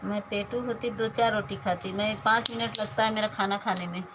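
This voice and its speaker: A woman in her thirties chats on a phone live stream and thanks her viewers one by one. Her voice sits at an ordinary middle pitch. A steady hiss runs under the whole recording. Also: moderate pace. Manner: chatty, thanks viewers by name, banters about food.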